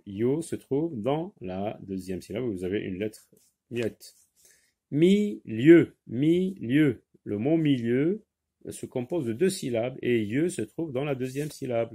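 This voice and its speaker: Male teacher, mid-pitched, very slow and methodical, for a syllable-by-syllable reading lesson. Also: warm tone, slightly rough. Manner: slow and deliberate, repeating each word and syllable.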